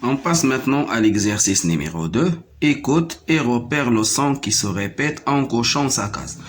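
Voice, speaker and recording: A man's voice: mid-range voice, animated, unhurried, slight background noise. A man teaching French to young pupils, repeating each word several times and counting its syllables aloud. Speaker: primary school French teacher. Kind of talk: slow classroom reading lesson.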